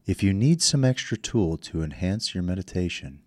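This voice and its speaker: A man leading a guided meditation in slow, soothing instructions, speaking into a close microphone. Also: sits low, animated, a little mellow, dry recording.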